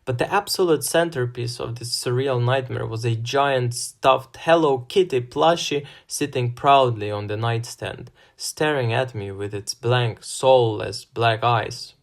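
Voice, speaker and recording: List: man, audiobook narration, slow, measured, gravelly voice. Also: mid-range voice. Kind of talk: scripted narration.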